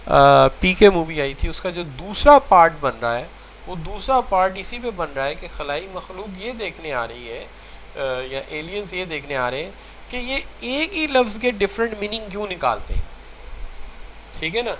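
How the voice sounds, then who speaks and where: A man's voice: high voice, very animated, a bit bright, slight background noise, poor audio. A man teaching a recorded lecture to students, mixing English terms into his talk and repeating phrases to show how tone changes meaning. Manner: mixes English terms into Urdu, addresses students as children.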